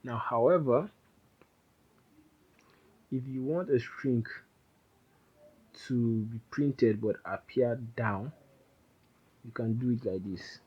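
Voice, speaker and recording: Slow and pausing often, a programming instructor rambles through a casual screen-recorded tutorial, correcting himself as he types. His mid-range voice has a breathy edge. The recording's high frequencies are cut off.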